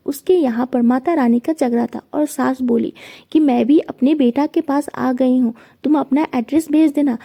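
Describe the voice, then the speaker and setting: A woman's voice: high voice, gravelly, mellow. A woman reading a family story aloud, retelling it plainly and voicing quotes only lightly.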